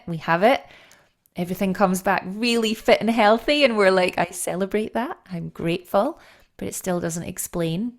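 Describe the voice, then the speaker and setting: A middle-aged woman with a lowish voice talks as a guest coach on a podcast. She explains step by step and leans hard on key words. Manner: lively, explains step by step, animated stresses.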